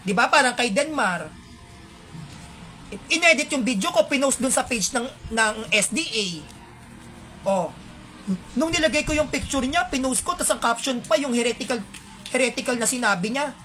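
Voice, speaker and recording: A woman's voice: sits high, expressive, normal speed, pauses often, a bit bright. Heated Filipino woman ranting. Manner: indignant, heated, with rhetorical asides. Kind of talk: ranting monologue to viewers.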